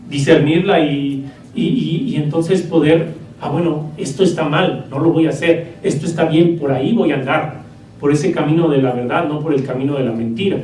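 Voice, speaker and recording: A man's voice: a little high, a little mellow, reverberant, distant mic, poor audio. A man preaching a sermon to a congregation in a church, teaching in a conversational way and often checking in with his listeners. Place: church hall.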